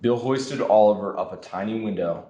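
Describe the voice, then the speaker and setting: Young male reader, expressive storybook read-aloud, fairly low voice, echoey room. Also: normal speed, dull audio. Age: young adult. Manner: expressive reading. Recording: roomy echo.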